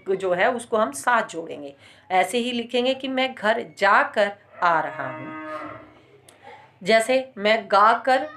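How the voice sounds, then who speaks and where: A woman teaching a grammar lesson, explaining slowly with frequent pauses and stressing example words. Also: medium pitch, fairly bright tone.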